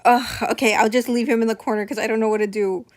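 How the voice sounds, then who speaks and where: A woman's voice: on the high side, fairly even intonation, fast talker. A young woman streaming live, chatting casually, nervous and apologetic, rambling with lots of fillers.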